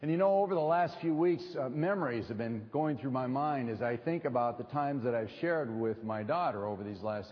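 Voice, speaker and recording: Middle aged american guy preaching at a pulpit mic, measured with pauses, big echoey hall, bit muffled. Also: mid-range voice. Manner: measured, pausing pulpit delivery with rhetorical repetition. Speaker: pastor preaching to a congregation. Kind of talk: sermon with personal storytelling. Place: large echoing church hall. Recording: dull sound in a reverberant hall.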